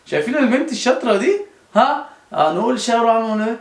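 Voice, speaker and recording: A man's voice: extremely high pitch, animated, rapid-fire. Man, Egyptian accent, children's teacher, coaxing, repeats questions, roomy echo. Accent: Egyptian Arabic. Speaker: primary school teacher. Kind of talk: children's lesson.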